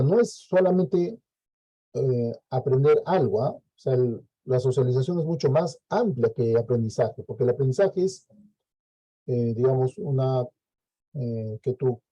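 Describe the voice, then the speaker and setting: A man's voice: medium pitch, mellow, no echo, poor audio. A Peruvian man lecturing a class, explaining step by step and checking in with frequent "¿no?" tags. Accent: Peruvian Spanish. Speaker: teacher.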